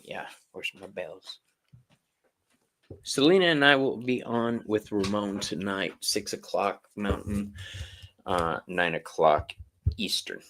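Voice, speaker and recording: A man's voice: lowish voice, takes it slowly, pauses often, fairly bright tone, a little hiss or hum. A man co-hosting a live-stream tarot reading in a casual, chatty way, swearing freely. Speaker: tarot reader, stream co-host.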